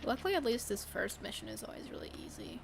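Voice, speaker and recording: A woman's voice: mid-range voice, wildly swooping pitch, fast, gravelly. A woman chatting casually while streaming a game, tired and yawning, rambling with lots of fillers and giggles.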